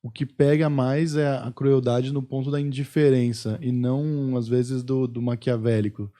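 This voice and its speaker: Brief: male podcast co-host, very dark, mellow tone, thoughtful and tentative delivery. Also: mid-range voice, fairly even intonation, normal speed. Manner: thoughtful, tentative, hedges while framing a question. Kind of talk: podcast interview.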